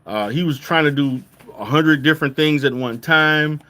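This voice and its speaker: A man's voice: fairly high pitch, moderate pace, pushed and bright. A middle-aged man from Louisiana, a therapist talking casually to viewers, stressing his points with "okay?" and often restarting his sentences. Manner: repetitive restarts, emphatic "okay?" check-ins.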